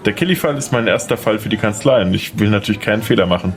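Speaking quickly and naturally at a fairly low pitch, a man portrays a charming young lawyer, polite and slightly unsure of himself. It's dialogue from a German audio drama, friendly and charming in mood.

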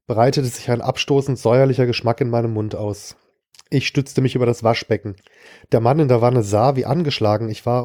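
A man's voice: mid-range voice, mellow, dry recording. A man reading a short story aloud in the first person, with a dry, sardonic delivery. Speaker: narrator. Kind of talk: scripted narration of a short story.

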